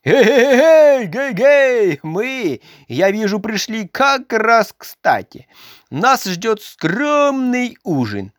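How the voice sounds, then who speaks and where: A woman voicing a boastful, childish little man who shouts and sulks in a read-aloud story. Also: medium pitch, very animated, takes it slowly, dry recording, studio quality, pitched above the performer's own voice. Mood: cheerful. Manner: shouting, sulky, demanding.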